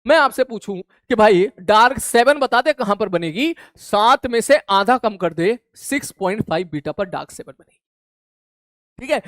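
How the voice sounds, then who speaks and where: A man's voice: sits high, dry recording, clean studio sound. A man teaching a physics revision class in a chatty, informal way, often checking if students follow. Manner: casual, chatty, addresses students informally, keeps asking "clear?". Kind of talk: live online revision lesson. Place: online class studio.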